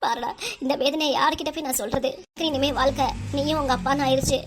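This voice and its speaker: Brief: a woman as a plotting, whiny cartoon mother, Tirunelveli Tamil accent, high and quick. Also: steady tone, background noise, lightly acted. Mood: whining. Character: scheming middle-aged mother who fakes crying. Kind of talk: cartoon voice acting.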